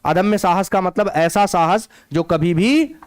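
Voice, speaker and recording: High, crisp-voiced Hindi teacher drilling spelling. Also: male voice, a little slow, no room sound. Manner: repetitive, drilling with questions to students. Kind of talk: exam-prep grammar lesson.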